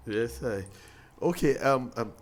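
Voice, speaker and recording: A man hosting a reggae radio show, asking interview questions haltingly and repeating words. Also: medium pitch. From Ghana.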